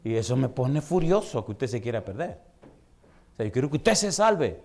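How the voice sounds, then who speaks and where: A man preaching a sermon as pastor, telling a story and swinging from low murmurs to loud, high outbursts. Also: very animated, normal speed. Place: church.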